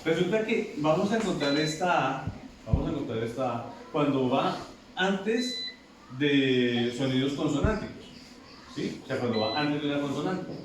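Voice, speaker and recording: A man's voice: a little high, lively intonation, moderate pace, recorded from a distance. A man teaching an English pronunciation lesson to a class, repeating himself and often checking whether the students follow. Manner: repetitive, asks students checking questions. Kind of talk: classroom lecture. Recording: very echoey classroom from afar, noisy.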